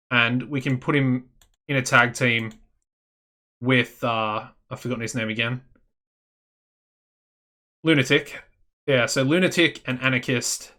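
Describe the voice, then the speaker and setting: An Australian man chatting casually as he plays a management game, thinking aloud and getting excitable. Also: mid-range voice. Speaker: gaming channel host.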